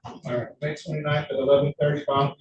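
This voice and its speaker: A man presiding as judge, briskly reading out case details and giving procedural instructions, heard in a courtroom recording. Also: a little high, little pitch movement, muffled recording. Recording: echoey courtroom, distant mic, noisy.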